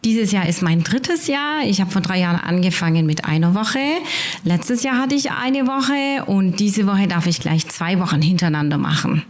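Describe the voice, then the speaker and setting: A woman who leads a children's holiday program explains her duties in an upbeat, casual way. Her voice sits at an ordinary pitch for a woman. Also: lively intonation, normal speed. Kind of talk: casual interview answers.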